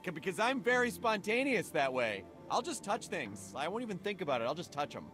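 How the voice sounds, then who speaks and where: High, jittery, boastful young adventurer. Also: male voice, big pitch swings, brisk, a bit bright, soft background music. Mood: nervous bravado. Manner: nervous bravado, stammering and rambling.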